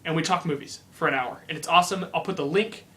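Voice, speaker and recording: High-voiced young man reviewing a movie. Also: quick pace, bright, forceful tone. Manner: chatty, keeps saying "like".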